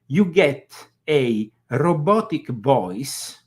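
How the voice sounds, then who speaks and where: A man hosting a political commentary show, talking casually with halting starts and many fillers. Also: mid-range voice, sing-song. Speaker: host.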